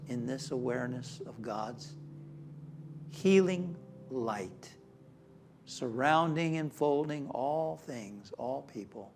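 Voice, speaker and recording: A man leading a spiritual guided meditation in a calm, measured manner with long pauses. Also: medium pitch, vocal fry, a little hiss or hum. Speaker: meditation leader. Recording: music behind the voice. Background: instrumental music.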